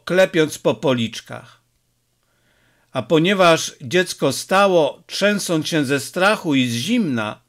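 A man narrating an audiobook story in measured storytelling. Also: on the high side, fairly bright tone. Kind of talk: scripted narration.

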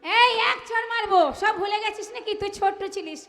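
A woman's voice: very high voice, fairly quick, fairly bright tone. An actress playing a village woman, elder sister and wife, who scolds and soothes by turns, in a live stage comedy. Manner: scolding and placating.

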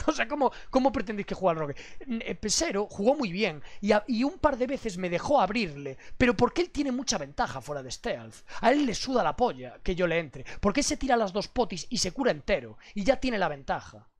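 Brash foul-mouthed streamer. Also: male voice, sits high, brisk. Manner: crude, animated, swears constantly. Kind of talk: casual livestream chat.

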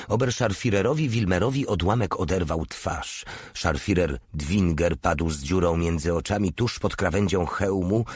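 Deep husky male audiobook narrator. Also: no room sound, clean studio sound. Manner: steady measured reading.

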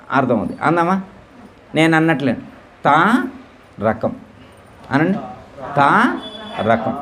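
A man leading a devotional discourse at a temple gathering, slowly repeating words and quizzing his listeners with questions to check they follow. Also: high-pitched, a bit bright. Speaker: spiritual teacher.

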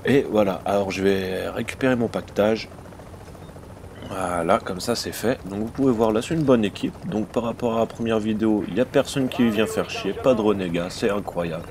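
A man's voice: on the low side, normal speed, background noise. A man from France giving casual let's-play commentary as a gaming channel host, chatty and informal, with lots of hesitations.

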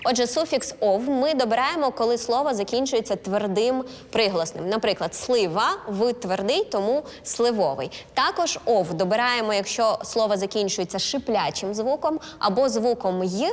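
A woman serving as a language expert on a quiz show, clearly explaining grammar rules with examples. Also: fairly high pitch, expressive, moderate pace, hardly any pauses. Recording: long hall reverb, faint music.

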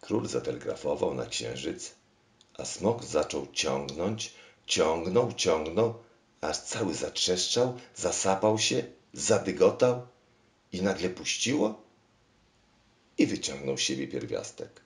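A man reading a storybook aloud in a deliberate, expressive manner. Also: low voice. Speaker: narrator. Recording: roomy echo.

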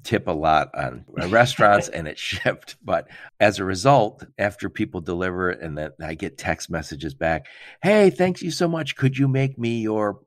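Low-voiced chatty male podcast host. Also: lively intonation, moderate pace, no echo, studio quality. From Michigan. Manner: chatty, laughs often, acts out quotes. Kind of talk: casual interview chat.

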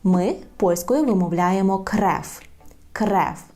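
A woman teaching a language in a video lesson, repeating words slowly and carefully. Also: mid-range voice, dark tone, soft background music. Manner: slow, careful repetition of words.

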